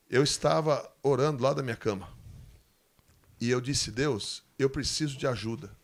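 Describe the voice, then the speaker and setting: A Brazilian man with a Brazilian Portuguese accent telling a lively missionary testimony, laughing as he tells it and acting out the people in the story. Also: a little high. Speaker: missionary guest speaker.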